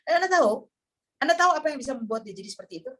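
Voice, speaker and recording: A woman with a husky, slightly breathy voice and a fairly high pitch. She tells stories expressively to a group of parents, and her intonation swings widely. She speaks to her listeners directly. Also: rapid-fire. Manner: expressive, dramatic storytelling, addressing listeners directly. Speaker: neuroscience practitioner speaking to parents. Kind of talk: storytelling talk to a parents' group.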